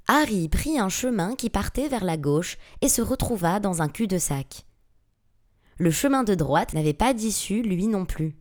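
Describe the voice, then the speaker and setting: Expressive woman reading a fantasy audiobook. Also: mid-range voice. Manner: expressive, dramatic storytelling. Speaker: narrator.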